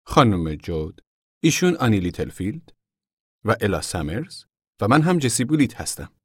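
A man's voice: lowish voice, big pitch swings, no room sound, studio quality. A man voicing a proud, stout woman who chairs a camp committee, speaking formally and weightily as if her words were rehearsed.

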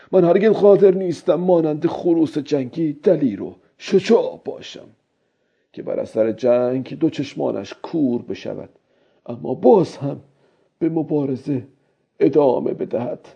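A man's voice: a little high, creaky, dark tone, husky, pitched above the performer's own voice. A man voicing a weary, stubborn old male fisherman who talks to himself in a strained, pleading way, on a dull lo-fi recording.

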